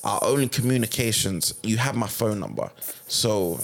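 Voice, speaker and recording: A man's voice: on the low side, normal speed. A young man with a London accent chatting casually in slang, repeating himself for emphasis. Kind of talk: casual chat.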